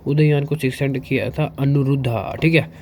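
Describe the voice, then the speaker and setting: A man teaching history for exams, reading English lines slowly, then explaining fast in Hinglish with fillers and questions he answers himself. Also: mid-range voice, fairly even intonation, a little mellow, a little hiss or hum. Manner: keeps asking and answering his own questions. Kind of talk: exam-prep lecture.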